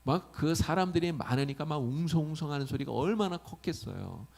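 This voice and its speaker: A man's voice: fairly high pitch, expressive, fairly quick, creaky, a little mellow. A male pastor preaching a sermon, often asking the congregation questions.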